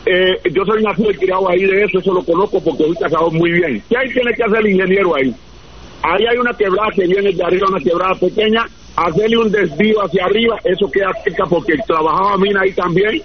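A man's voice: high-pitched, quick pace. A man calling in to a radio show, talking earnestly and at length about local complaints over a muffled line. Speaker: radio caller. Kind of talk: phone-in chat. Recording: muffled line with faint noise.

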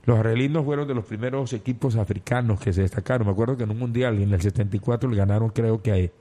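A man's voice: lowish voice, fast talker, dark tone. A man co-hosting a casual football chat who asks questions and restarts his sentences often. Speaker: sports radio co-host.

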